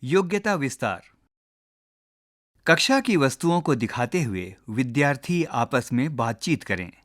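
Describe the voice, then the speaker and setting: A man reading teaching guidance aloud in a measured, instructional way. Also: medium pitch, sing-song, a bit bright, no echo, clean studio sound. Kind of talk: scripted lesson narration.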